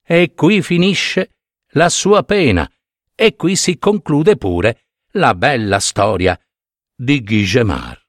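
A man narrating a medieval tale in an expressive, measured reading. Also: mid-range voice, no room sound, clean studio sound. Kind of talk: storytelling reading.

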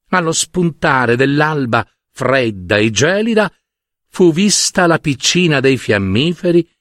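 A man narrating a fairy tale in an expressive, dramatic storytelling manner. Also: a little high, dry recording, studio quality.

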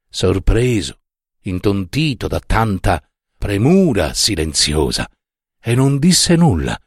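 A man narrating a classic short story in an expressive, dramatic reading. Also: on the low side, dry recording, clean studio sound.

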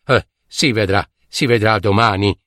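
A man voicing a troubled, gentle king who muses aloud. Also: lowish voice, unhurried, no room sound, clean studio sound, voice pushed down. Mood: musing.

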